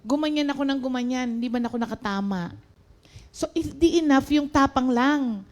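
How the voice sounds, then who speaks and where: A woman's voice: high voice, moderate pace. A woman preacher giving a conversational sermon, mixing in English and calling her listeners brothers and sisters.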